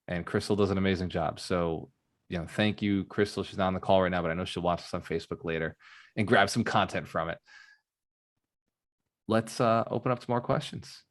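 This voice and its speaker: A man's voice: low voice, fairly quick. A man hosting a live online Q&A call as a real estate mentor, talking in an upbeat, rambling way with fillers like "man" and "you know".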